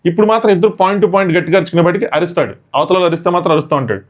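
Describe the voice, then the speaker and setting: A man recapping a reality show episode in a fast, breathless commentary, sprinkling English words into his storytelling. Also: sits high.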